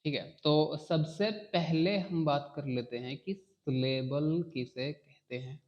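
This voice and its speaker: Man teaching a slow, repetitive phonics lesson. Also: fairly high pitch, highs cut off. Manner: repeats key phrases, checks in often.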